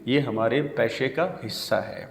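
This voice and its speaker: A man teaching English pronunciation, spelling words out slowly and deliberately. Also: medium pitch, creaky. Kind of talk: pronunciation lesson. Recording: echoey room with long reverb.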